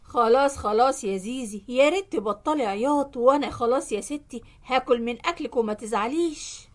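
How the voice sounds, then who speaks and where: A woman plays a trusting middle-aged Egyptian company owner in a spoken story, slow and soothing. The voice sits high for a man. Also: close to an everyday voice. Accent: Egyptian Arabic. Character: kindly, gullible middle-aged male company boss.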